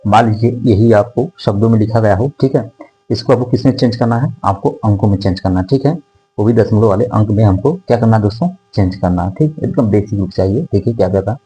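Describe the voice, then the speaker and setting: Male classroom math teacher, low, husky, mellow, repetitive, checks in constantly. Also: faint music behind, rough recording. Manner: dictates numbers slowly digit by digit. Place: classroom with whiteboard.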